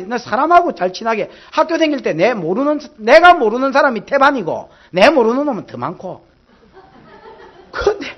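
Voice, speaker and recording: A middle-aged pastor with a broad Gyeongsang accent tells stories from the pulpit, his voice rising and falling in an animated way. He acts out the people in his stories with earthy, blunt dialect. The recording sounds muffled and lo-fi. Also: very high-pitched. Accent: Gyeongsang Korean. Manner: earthy storytelling, dialect, acts out quotes loudly. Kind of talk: sermon with personal stories.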